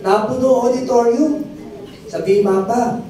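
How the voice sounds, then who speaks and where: Here a man with a very high, mellow voice delivers a sermon as pastor at normal speed. He tells stories, keeps calling on the crowd for an "amen," and lets his testimony climb toward emphatic high points. The distant microphone picks up heavy hall echo and faint noise.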